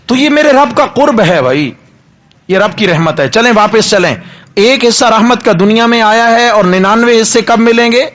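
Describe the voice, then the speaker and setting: High-voiced preacher delivering a sermon. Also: male voice, animated, fairly bright tone. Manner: emphatic, repetitive, draws out recited verses slowly. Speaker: mufti preacher.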